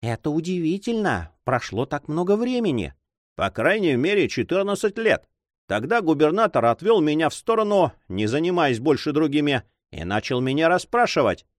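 A man's voice: a little high, very animated, normal speed, dry recording, clean studio sound. A man reading aloud, voicing a respectful, eager male messenger addressing a lady. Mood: earnest.

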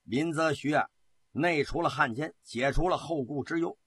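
A man's voice: on the high side, normal speed, a bit bright, husky. A male storyteller narrating a historical tale in a dramatic, colloquial manner. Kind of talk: traditional Chinese oral storytelling.

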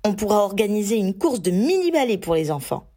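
A woman's voice: medium pitch, sing-song, fairly quick, dark tone. A woman voicing a reluctant young wizard hero who speaks in a dry, ironic way. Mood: wry.

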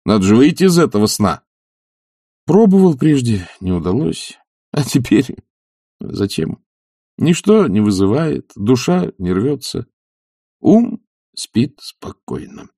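A man voicing an idle, sighing gentleman who whines and dodges in a reluctant, drawn-out way. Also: mid-range voice, very animated, husky, dry recording, clean studio sound, exaggerated voice. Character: lazy, sighing gentleman, plaintive and evasive.

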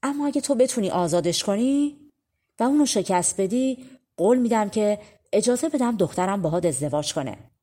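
A woman's voice: mid-range voice, expressive, dark tone, close to an everyday voice. A woman voicing a stern, worried old king in a storybook reading, talking solemnly. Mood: grave.

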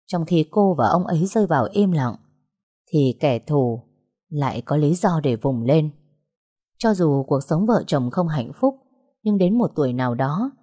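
Low-voiced woman telling a story. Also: warm tone, husky. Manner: conversational, addresses listeners directly. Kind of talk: story narration.

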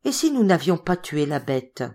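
A woman's voice: fairly low pitch, big pitch swings, moderate pace, dark tone. A woman voicing a grim old man who gives curt, lugubrious orders, in an audiobook reading.

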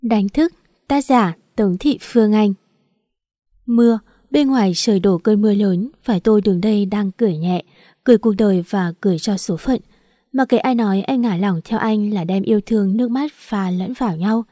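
A woman narrating a first-person story for an audiobook at an even, steady pace. Her tone is mellow and soft-edged, and the close recording is dry with no room sound. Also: medium pitch, normal speed, no room sound.

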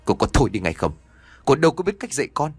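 A man's voice: mid-range voice, big pitch swings, breathy edge, no room sound, pitched above the performer's own voice. A man voicing a stern, angry father who scolds his wife in an audio story. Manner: scolding, fast.

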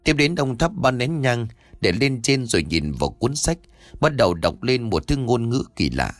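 A man's voice: medium pitch, normal speed, dry recording. A man narrating a scripted horror story and voicing its characters himself. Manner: lively, voices the characters' dialogue himself.

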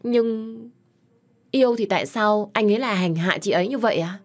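A naive young woman answers meekly and politely in a raised, soft voice in a storybook tale, as a woman narrator puts her on. She sounds eager to please. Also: medium pitch, normal speed, faint music behind, voice pushed up, lightly acted. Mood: pleading.

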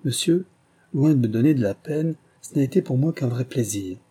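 A man voicing an eager, officious young gentleman in a read novel. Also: mid-range voice, lively intonation, normal speed, breathy edge.

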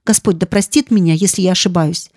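A woman's voice: a little fast, a little mellow, no room sound, studio quality, close to an everyday voice. A woman voicing a terrified young maid who pleads and sobs breathlessly in an audiobook. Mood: frantic pleading. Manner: sobbing, breathless, high-pitched cries. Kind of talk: audiobook dialogue.

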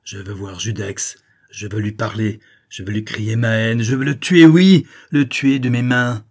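A man's voice: fairly low pitch, normal speed. A man voicing a furious old banker, raging. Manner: shouting, vengeful, unsteady. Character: raging elderly banker father, tormented. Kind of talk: audiobook character reading.

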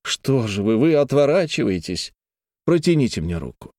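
Man voicing a playful young nobleman, teasing, animated, lilting, dry close sound. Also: medium pitch, moderate pace, no room sound, lightly acted. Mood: playful, ardent.

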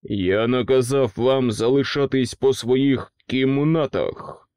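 A hulking, sour-faced king, as a male narrator puts him on, roaring every word in a slow, heavy boom. The voice swings widely in pitch, and the sound is dry and close. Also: sing-song, dry recording. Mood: booming, imperious. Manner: slow booming bellow.

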